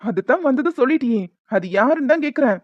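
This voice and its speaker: A protective young husband, tender and earnest, his voice fairly high as it is done by a woman for a cartoon. The audio is dull and dry, with faint music. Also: expressive, fast talker, dry recording.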